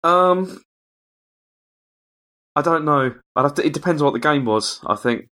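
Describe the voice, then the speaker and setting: A man's voice: fairly high pitch, animated, normal speed, sharp tone. A man co-hosting a podcast in casual chat, often hesitating and repeating words as he starts a sentence. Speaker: podcast co-host.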